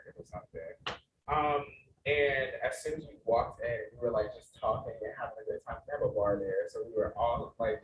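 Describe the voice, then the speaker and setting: A man's voice: medium pitch, noisy background. Man on a panel, tinny and far. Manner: rambling, frequent um and like. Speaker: student panelist. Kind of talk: panel discussion, casual storytelling. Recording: tinny distant sound in echoey room.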